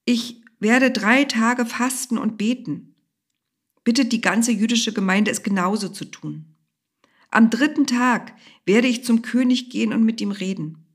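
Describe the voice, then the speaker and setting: A woman voicing a young, clever queen who speaks breathy and soft. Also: a little high, measured pace, pitched above the performer's own voice. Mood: resolute.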